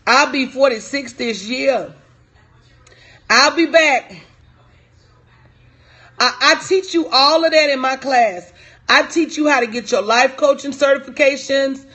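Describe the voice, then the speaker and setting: Forties woman coach on a live stream, high voice, punchy and repeats herself. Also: a bit bright. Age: 40s. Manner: emphatic, repetitive, casual and direct. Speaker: business coach. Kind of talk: live-stream talk answering viewer comments.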